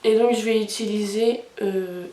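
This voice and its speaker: This young beauty vlogger has a mellow, mid-range voice with fairly even intonation and normal speed. She walks through her makeup routine casually and haltingly, leaning on fillers, captured by a distant camera mic in a roomy setting with a little hiss or hum.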